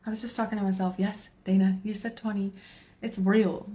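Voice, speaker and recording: A woman's voice: medium pitch, flat delivery, a little fast, mellow. Chatty Texan woman streaming live. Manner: chatty, laughing, talks to chat and herself. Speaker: tarot reader livestream host. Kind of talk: casual livestream chat.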